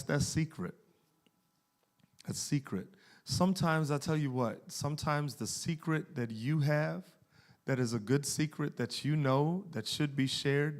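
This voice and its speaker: Male preacher, mid pitch, casual conversational sermon delivery. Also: darkish tone. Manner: conversational preaching with frequent restarts and slow emphasis.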